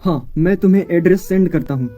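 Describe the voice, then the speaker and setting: Man voicing a manipulative ex-boyfriend villain for an audio story, warm, very dark tone, slightly high. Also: fast talker, faint music behind, close to an everyday voice. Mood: pleading. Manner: pleading, then gloating. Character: scheming young male ex-lover, manipulative. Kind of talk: Hindi audio drama acting.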